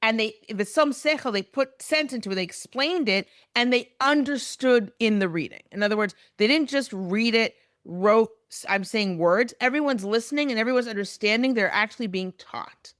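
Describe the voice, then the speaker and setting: A woman's voice: a little high, normal speed, hardly any pauses, a bit bright, no room sound. Woman teaching Bible text, dry sound. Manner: reads Hebrew verses aloud, then translates and explains. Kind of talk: recorded lecture.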